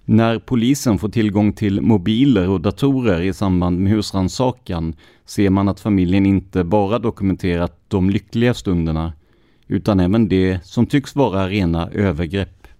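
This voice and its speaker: Man, low mellow voice, dry close sound, measured scripted true crime narration. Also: dry recording. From Sweden. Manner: measured, even reading of police records. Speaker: true crime podcast host.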